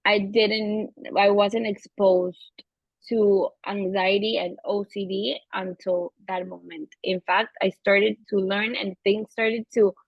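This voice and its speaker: A young Venezuelan woman, a native Spanish speaker, appears as a guest therapist in a casual interview, thoughtful and searching for words. Her medium-pitched voice is slow, fairly flat, and a bit breathy, in a dry, slightly muffled, dull lo-fi recording.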